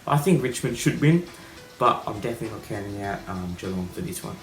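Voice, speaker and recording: A man's voice: fairly low pitch, animated, fast, a bit bright. An Australian man co-hosting a sports podcast, chatting casually with slangy, blokey enthusiasm. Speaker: podcast co-host. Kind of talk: casual sports chat between mates. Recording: roomy echo, faint music.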